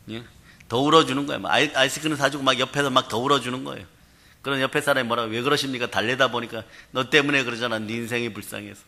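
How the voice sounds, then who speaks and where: Bright-voiced male pastor preaching emphatically. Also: mid-range voice. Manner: emphatic preaching with frequent call-outs to the congregation. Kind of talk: sermon.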